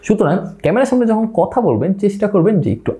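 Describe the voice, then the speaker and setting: A man's voice: high-pitched, sing-song, rapid-fire, warm tone. A man in his thirties with a Bangladeshi Bengali accent, giving chatty tips to camera in a casual tutorial from home. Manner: chatty, explains with repeated asides. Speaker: YouTube creator. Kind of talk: casual talking-head tutorial. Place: home at night.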